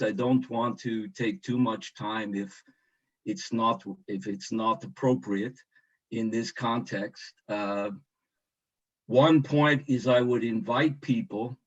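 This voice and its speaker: A man from the United States giving slow, measured remarks with many hesitations in an online discussion. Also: mid-range voice. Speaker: guest commenter. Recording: dull lo-fi sound.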